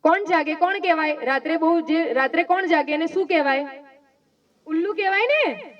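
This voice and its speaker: A high-pitched woman preaches to children in a simple, questioning way, drawing answers out of them one after another. Her voice sits well back from the mic. The sound is dull and muffled. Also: far from the mic. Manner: coaxing, quizzing the children with quick questions. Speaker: Jain nun giving a talk to schoolchildren. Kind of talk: simple sermon to children with call-and-response questions.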